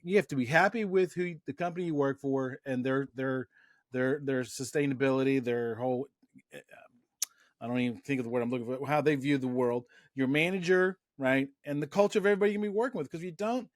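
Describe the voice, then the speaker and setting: A man's voice: medium pitch, fast, no room sound, clean studio sound. A middle-aged man hosting a casual interview, rambling through anecdotes and often restarting his sentences. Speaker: interview host.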